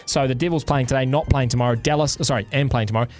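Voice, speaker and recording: A man's voice: mid-range voice, rapid-fire, a little mellow. A man co-hosting a radio show in casual sports betting chat.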